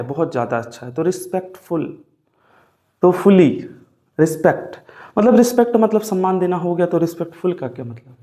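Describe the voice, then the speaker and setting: A man's voice: fairly high pitch, warm tone. A man teaching English grammar in a classroom style, dictating notes and coaxing viewers with repeated questions, mixing English terms into his talk. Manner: repetitive, coaxing, addresses viewers as brother and sir; dictates notes, tells viewers to write things down.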